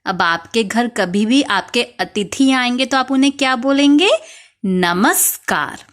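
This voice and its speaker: A woman teaching young children spelling, slowly spelling out each word letter by letter and asking them questions. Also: fairly high pitch, expressive, a bit bright. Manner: slow, spells words letter by letter, asks questions.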